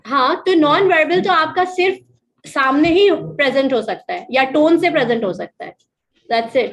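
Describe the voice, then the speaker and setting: High-voiced woman lecturing a class. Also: animated, normal speed, low-quality recording. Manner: conversational, asks the class questions and answers them. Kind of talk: classroom lecture mixing Hindi and English.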